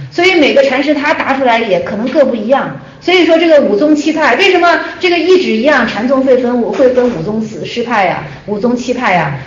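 Woman Buddhist teacher, brisk and conversational, echoey room on a dull lo-fi recording. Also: on the high side. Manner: conversational, repeats phrases, asks herself questions. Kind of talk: lecture on Chan Buddhist texts.

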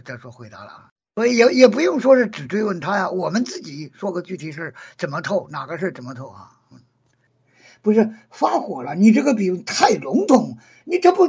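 A high-pitched man with a gravelly, very husky voice talks through a casual Buddhist discussion. He explains earnestly and keeps restating his points in new words. The recording sounds dull and lo-fi. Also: a little mellow. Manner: earnest, repeats and rephrases points.

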